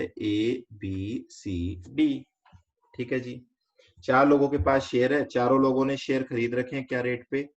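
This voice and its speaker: A man with an Indian accent teaching a finance lesson step by step, quizzing students and mixing in English terms. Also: medium pitch. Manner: explains step by step, asks students quick check questions; mixes English terms into explanation. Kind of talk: online class lecture. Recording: slightly dull lo-fi recording.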